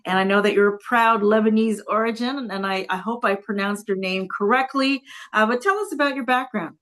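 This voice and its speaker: A woman's voice: mid-range voice, a little fast, fairly bright tone. Enthusiastic woman talk show host. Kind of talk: interview show hosting.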